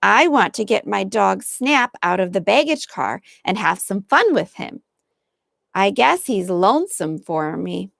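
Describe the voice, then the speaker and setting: Young boy twin, eager, stubborn; voiced by a woman in a storybook, slightly gravelly. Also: mid-range voice, very animated, measured pace, a bit bright, no room sound, studio quality, full character voice. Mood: insistent.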